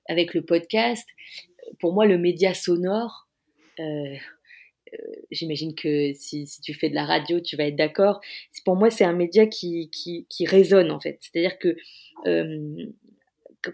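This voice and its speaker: A woman's voice: on the low side, creaky, a little mellow. A woman with a French accent answering in a casual interview, hesitant and searching for her words. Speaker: interviewed author.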